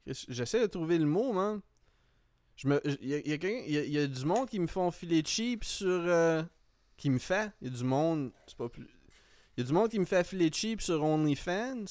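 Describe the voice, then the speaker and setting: Here a man hosting a podcast rambles through comic anecdotes in his Quebec French accent, repeating himself and dropping English slang into the casual chat. His fairly high voice has lively intonation, a moderate pace and a slightly mellow quality, on a dry recording.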